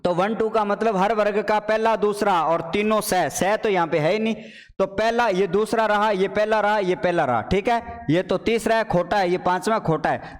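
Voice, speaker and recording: Guy teaching hindi exam prep, highish clear voice, big echoey hall sound. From Rajasthan. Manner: animated, playful, addresses students as children and brothers. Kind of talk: live online exam paper solution class.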